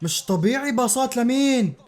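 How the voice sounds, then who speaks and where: A man reacting live to a football match, excitable and full of repeated exclamations. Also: very high-pitched, a little fast, soft background music.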